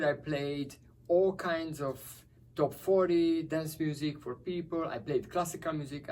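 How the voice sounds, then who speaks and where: A man's voice: a little high, slight background noise. A middle-aged man from Hungary, a guest musician telling stories cheerfully and laughing often. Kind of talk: conversational interview. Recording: distant from the mic.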